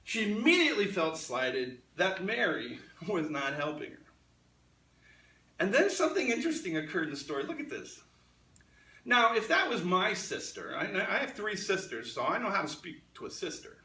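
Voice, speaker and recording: A man preaching in a church with a high, lively voice that climbs and falls as he acts out quoted lines. His tone is bright and forceful. The sound is roomy and a little distant, caught by a mic set back from the pulpit. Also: normal speed. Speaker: pastor. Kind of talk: sermon. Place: church sanctuary.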